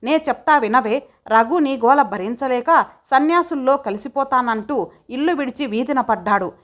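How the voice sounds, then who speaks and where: A woman's voice: high-pitched, moderate pace, close to an everyday voice. A woman voicing a stern older husband and father-in-law who scolds in curt orders in an audio story. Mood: explaining.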